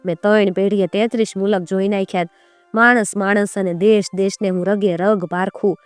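A woman voicing a kindly, wise old male ship captain who speaks softly. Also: mid-range voice, fairly even intonation, moderate pace, smooth, no echo, soft background music, natural voice. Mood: gentle. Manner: soft, kindly.

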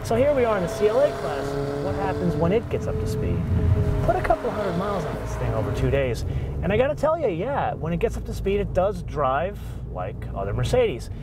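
Lively man reviewing a car. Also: high-pitched, fairly quick. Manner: lively, emphatic, talks with his hands. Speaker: car show host. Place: driving a car and standing outdoors by a marina. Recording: road and outdoor noise behind.

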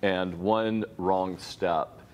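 Man, middle-aged, low pitched, journalist guest, TV studio, lapel mic, measured explanations. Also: fairly even intonation, smooth. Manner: measured, explanatory, paraphrasing sources. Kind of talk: TV news interview.

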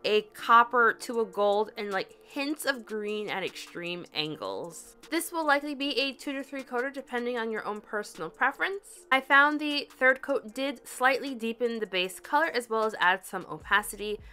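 Bright, upbeat young woman reviewing polish. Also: fairly high pitch, expressive, normal speed, few pauses. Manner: upbeat, chatty, detailed; giggles at her own slips. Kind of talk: scripted product review voice-over.

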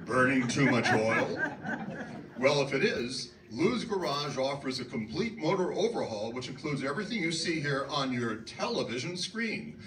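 A man in his seventies playing a brash 1960s TV garage pitchman, hammy and drawn out, in an echoey hall. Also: big pitch swings, normal speed, natural voice. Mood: salesy. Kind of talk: 1960s TV commercial announcing. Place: auditorium stage. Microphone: handheld mic. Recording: echoey hall, from far off, noisy.

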